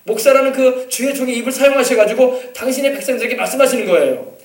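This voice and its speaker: A man preaching from the pulpit, prodding the congregation with repeated questions. His voice sits high and the words tumble out quickly. The sound carries through an echoey church and is picked up from some distance off the mic. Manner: preaching with call-and-response questions. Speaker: pastor. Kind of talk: sermon. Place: church sanctuary.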